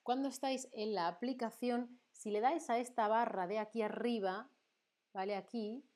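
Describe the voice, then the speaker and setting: A fairly high-pitched yet darkish voice belongs to a young woman from Andalusia, Spain, who speaks with a neutral standard accent. On her live stream she teaches Spanish, chatting with the audience, posing questions and reading messages from the chat.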